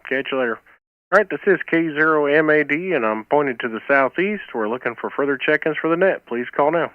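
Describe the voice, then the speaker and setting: A man's voice: a little high, expressive, a little fast, clear, resonant tone, dry recording, narrow, tinny audio. An American man hosting an amateur radio net, chatting casually and calling for check-ins over a two-way radio. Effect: heard over amateur two-meter radio. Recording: band-limited two-way radio.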